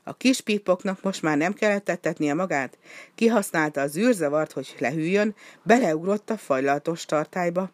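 Low-voiced woman reading a children's story. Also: dry recording. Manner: expressive, lively reading.

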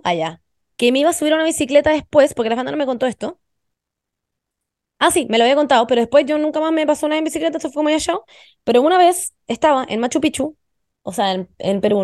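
A young adult woman with a Chilean accent hosting a podcast, telling stories in animated slangy casual chat with plenty of swearing. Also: high-pitched, quick pace, dry recording, clean studio sound. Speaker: podcast host.

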